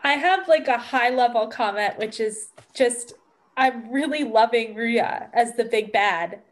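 A woman's voice: a little high, measured pace. A woman co-hosting a podcast in a casual chat about a TV show, making wry, joking remarks. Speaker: podcast co-host.

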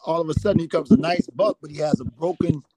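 A man's voice: on the high side, fast talker, very noisy. A middle-aged man telling rambling hunting anecdotes as a guest, often repeating "I said.". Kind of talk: storytelling anecdotes.

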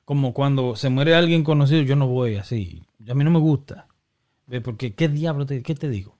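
A man's voice: medium pitch, normal speed, darkish tone. A man with a mid-range voice talks in a loose, conversational way. He presses his opinions hard, throws questions back at the listener, and repeats words to hammer them home. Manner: emphatic, questioning, repeats points. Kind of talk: casual chat.

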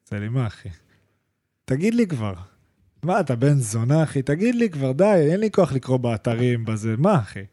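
A young man co-hosting a laid-back podcast. He tells his story in rushed, animated bursts and keeps restarting his sentences, with plenty of slang. His voice sits at an ordinary middle pitch. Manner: rapid, animated retelling full of restarts and slang. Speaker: podcast co-host. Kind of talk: casual chat, storytelling.

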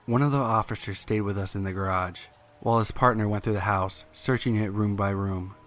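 A man reading scripted first-person horror stories in a measured, suspenseful way. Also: lowish voice, fairly even intonation, fairly bright tone. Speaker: horror story narrator. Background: music under the voice.

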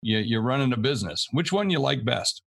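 A man hosting a radio interview show, briskly interjecting and steering the conversation. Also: mid-range voice, animated, vocal fry, husky, dry recording. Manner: quick interjecting backchannel, brisk. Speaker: host.

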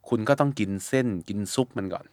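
A man in a casual podcast chat, blunt and animated, swearing lightly and acting out his own reactions. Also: fast talker, no room sound, studio quality. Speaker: guest food reviewer.

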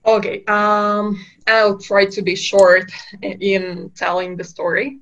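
A woman's voice: medium pitch, monotone, takes it slowly, a bit bright, lo-fi sound. A woman from Kazakhstan, a startup co-founder, answering interview questions with many fillers and restarts.

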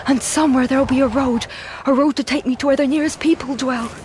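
A woman's voice: high voice, fairly even intonation, fast, background noise, natural voice. A woman playing a frightened, resolute young woman. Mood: tense. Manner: breathless, urgent inner narration. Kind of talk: radio drama acting.

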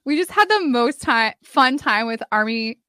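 A woman co-hosting a podcast in casual chat, talking in an excitable, gushing way. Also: a little high, moderate pace, no room sound, studio quality. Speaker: podcast co-host.

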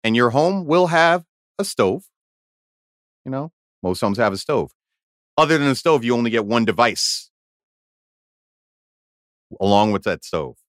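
A man's voice: medium pitch, a little slow, long pauses, no echo, clean studio sound. A man co-hosting a podcast in casual chat, telling stories with lots of laughter and repeated words. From Haiti. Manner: animated storyteller, laughs often, repeats words. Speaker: podcast co-host.

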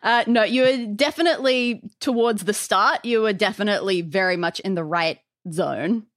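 A woman's voice: medium pitch, moderate pace, no echo, studio quality. A woman on a comedy panel game, teasing the players and giving hints. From Australia. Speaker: question-setter guest.

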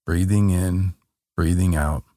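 A man guiding a body-scan relaxation in a calm, meditative tone, gently giving short soothing instructions. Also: sits low, slow, no room sound, clean studio sound. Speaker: meditation guide.

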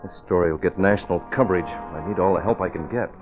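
A man plays an authoritative newspaper boss in an old radio drama, low-voiced and purposeful. The broadcast is narrow, with loud music behind him. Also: fast talker, natural voice. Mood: urgent.

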